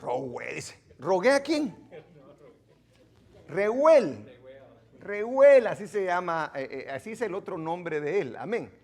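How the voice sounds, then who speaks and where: Male preacher, high and very expressive, teasing questions to the congregation, sermon in a church. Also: moderate pace, few pauses. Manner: quizzes the congregation, joking and exclaiming. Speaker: pastor. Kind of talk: interactive Bible teaching sermon.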